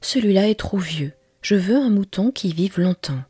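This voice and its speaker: A curious little boy prince from a tiny planet, played by a woman in whispered role-play, his breathy half-whispered voice pitched up high and eager. He asks earnest questions, recorded close and dry with no room around him. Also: lively intonation, moderate pace, mellow, no room sound. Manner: higher, eager childlike questioning.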